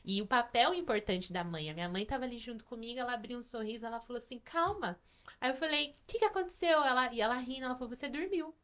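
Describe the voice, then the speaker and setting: A woman's voice: a little high, very fast, hardly any pauses, a bit bright. A woman with a Brazilian accent, a guest on a casual podcast, telling a personal story with feeling and repeating words as she goes. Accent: Brazilian Portuguese.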